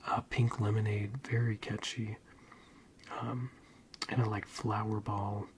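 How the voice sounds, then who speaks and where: A man giving a soft-spoken ASMR ramble in a breathy, mostly whispered voice, soothing and hesitant. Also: on the low side, little pitch movement, a little slow, noisy background. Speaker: ASMR video creator.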